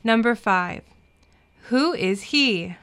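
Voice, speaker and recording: For a children's lesson, a woman slowly reads scripted English practice dialogues, enunciating each phrase with care. Her slightly high voice is bright, expressive, and very clean.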